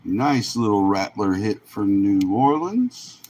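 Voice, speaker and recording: A man's voice: lowish voice, lively intonation, takes it slowly, darkish tone, dull audio, a little hiss or hum. A man hosting a live sports card break, calling out names in short, clipped, list-like bursts.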